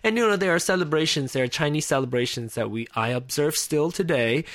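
A man's voice: a little high, fairly quick, fairly bright tone, no room sound, clean studio sound. Chatty male host. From Malaysia. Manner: chatty, laughs easily, many restarts. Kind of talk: casual radio talk.

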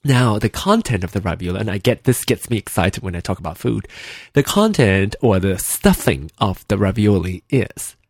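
This solo podcast host, a Malaysian-born man in his thirties, has a fairly low, sing-song voice and a normal speaking speed. His chatter is casual and rambling, full of fillers and self-corrections. The studio-quality recording is dry, made with a desk mic and in-ear headphones.

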